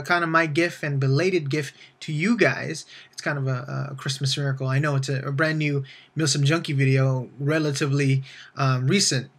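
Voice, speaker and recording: Casual, higher-pitched male vlog host. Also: a bit bright. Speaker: video channel host. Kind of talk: casual vlog outro to viewers.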